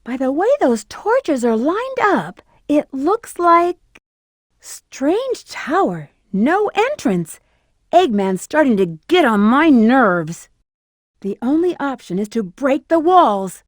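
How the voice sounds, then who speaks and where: Rouge the Bat, very high-voiced sassy game heroine. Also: female voice, big pitch swings, slow, dry recording, clean studio sound, heavily acted. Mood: cool, observant. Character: flirty, cool-headed female bat treasure hunter, adult. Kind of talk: video game voice acting, short in-game hints and callouts.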